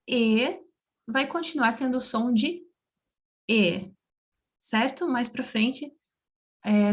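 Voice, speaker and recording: A Brazilian woman with Portuguese as her first language, giving a slow, careful language lesson and checking in with her listeners often. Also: fairly high pitch. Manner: slow and careful, spells out sounds and checks in with "certo?". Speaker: Spanish teacher.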